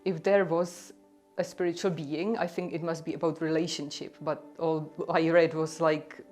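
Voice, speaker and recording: Low-voiced woman with a Czech accent. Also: level tone, moderate pace, darkish tone, faint music behind. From Czech Republic. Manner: earnest, conversational, many "like" and "you know" fillers. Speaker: speaker sharing her faith story. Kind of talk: personal testimony to camera.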